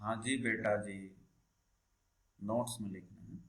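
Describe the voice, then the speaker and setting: A man's voice: fairly low pitch, fairly even intonation, measured pace, a bit bright. A man teaching a maths class online in speech, patiently calling students "beta" and asking them questions as he explains. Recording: echoey room, faint background noise.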